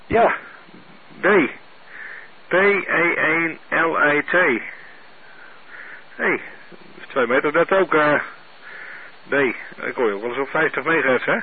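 A man running an amateur radio net, heard over a two-way radio link, speaking in a steady, methodical way and spelling out call signs. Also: on the high side, slow, long pauses, breathy edge. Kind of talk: radio net check-ins. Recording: narrow tinny radio with faint hiss.

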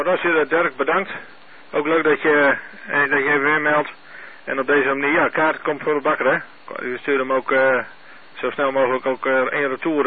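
Man over a tinny two-way radio. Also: a little high. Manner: steady, methodical, spells out call signs. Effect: heard over a two-way radio link. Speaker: amateur radio net controller. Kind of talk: radio net check-ins. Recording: narrow tinny radio with faint hiss.

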